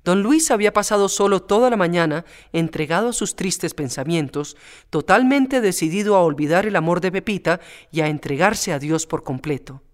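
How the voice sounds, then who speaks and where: A man reading a storybook aloud in a measured, calm way. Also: high voice. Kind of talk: storybook narration.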